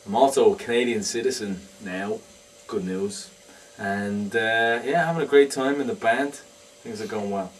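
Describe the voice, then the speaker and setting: Hesitant Irish man, low and distant. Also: moderate pace. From Dublin, Ireland. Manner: hesitant, full of "you know". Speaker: band percussionist and singer. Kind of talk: casual interview chat. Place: lounge bar. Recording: distant mic, faint room noise.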